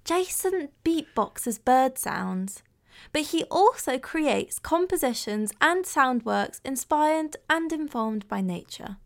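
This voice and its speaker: A woman's voice: sits high, animated, takes it slowly, gravelly. A woman presenting a nature radio show, describing birds with admiration in scripted narration.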